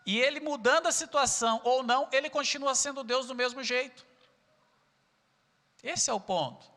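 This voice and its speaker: Brazilian male pastor, sermon, sharp forceful tone, church-hall reverb. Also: very high voice, normal speed. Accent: Brazilian Portuguese. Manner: earnest preaching, asks rhetorical questions.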